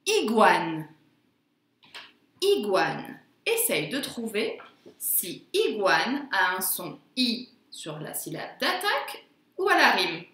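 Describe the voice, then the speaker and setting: A woman teaching a phonics lesson to young children, sounding out words slowly and carefully. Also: mid-range voice, wildly swooping pitch, sharp tone, roomy sound. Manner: slow, careful, drawn-out word pronunciation.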